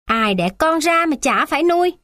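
A woman's voice: high voice, lively intonation, normal speed, bright, forceful tone, no room sound, pitched above the performer's own voice. A harsh, scornful father snaps back in short, curt retorts, voiced by a woman storyteller. The voice sits a little raised and the reading is dry. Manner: curt, scolding.

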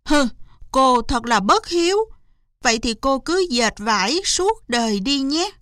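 Lady voicing a tiny brown squirrel, squeaky high and loud, yelling in a hurry, dry close sound. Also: animated, measured pace, no echo. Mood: indignant. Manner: shrill, urgent calling. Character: frantic loyal little brown squirrel.

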